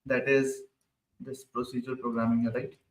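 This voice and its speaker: This male programming teacher speaks at normal speed with a medium pitch that barely moves. During his live online class he keeps repeating questions to students and closing sentences with "right?", recorded from a distance in a room with echo.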